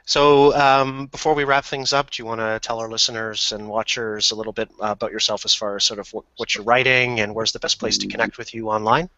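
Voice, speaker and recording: A man's voice: on the low side, level tone, a little fast, hardly any pauses, pushed and bright, dull audio. A man hosting a casual podcast panel chat, leading the talk and laughing often. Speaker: podcast host.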